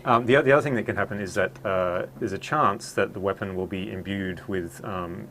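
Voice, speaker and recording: A man with a deep, low voice walks through a game demo, hesitating and repeating himself as he explains. Faint hiss sits under the recording. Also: brisk, a bit bright. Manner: hesitant, many ums and repeated words. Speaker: game developer guest. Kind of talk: casual game demo walkthrough.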